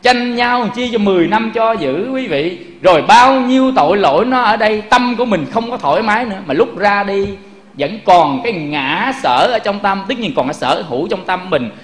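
A man's voice: sits high, expressive, normal speed. A man giving a Buddhist sermon, often turning to the audience with rhetorical questions. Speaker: Buddhist preacher. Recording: echoey room.

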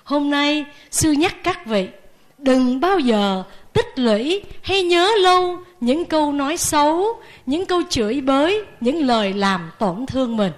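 A woman, a Buddhist nun, giving a lively sermon and asking the audience questions. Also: sits high, unhurried.

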